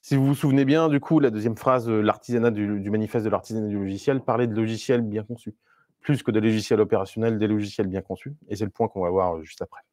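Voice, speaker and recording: A man with a lowish voice talks through a live tech meetup, loose and conversational, hesitating often and dropping in playful asides for his viewers. The sound is close and dry. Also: fairly even intonation, fast talker, a little mellow, dry recording. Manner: conversational, many fillers and restarts, playful asides to the audience. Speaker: Scrum Master giving a meetup talk. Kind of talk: live online meetup talk.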